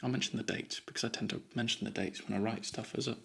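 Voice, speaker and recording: A man speaking softly in a silly, rambling way for an ASMR video, reading out his own odd writings. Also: on the low side, steady tone, quick pace, gravelly, slightly rough. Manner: silly, rambling, self-amused. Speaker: ASMR creator.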